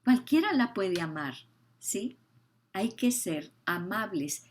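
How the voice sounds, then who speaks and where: A woman's voice: mid-range voice, big pitch swings, takes it slowly, a little mellow. An older woman, teaching the Bible with emphasis, repeating key phrases and asking her listeners questions.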